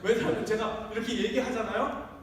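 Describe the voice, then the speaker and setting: Male pastor, high voice, lively conversational sermon, far mic in a church hall. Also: brisk, a crowd in the background. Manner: conversational, acts out quoted lines. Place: church sanctuary.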